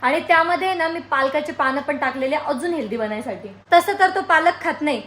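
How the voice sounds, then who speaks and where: A woman's voice: high-pitched, fairly quick, fairly bright tone, reverberant. A woman, chatting casually and teasing family in a home vlog. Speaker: vlogger.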